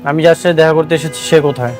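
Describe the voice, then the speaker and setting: A man's voice: fairly high pitch, steady tone, fast talker, lightly acted. An actor playing an indignant man who demands to see a woman and questions what he is told, in a TV drama scene. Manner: incredulous, demanding. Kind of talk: TV drama acting. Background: violin music.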